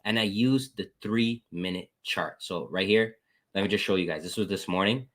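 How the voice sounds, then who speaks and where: Speaking at normal speed with a slightly bright voice, a man who teaches trading takes viewers through his trades over a screen share. He keeps it casual, leaning on "guys" and "boom," pointing out his wins and thanking folks in chat.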